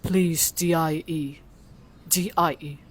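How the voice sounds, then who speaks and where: A woman voicing a cold, menacing AI chatbot, reading slowly and deliberately. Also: low voice, slightly rough, pitched below the performer's own voice, exaggerated voice. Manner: slow, flat, deliberate delivery.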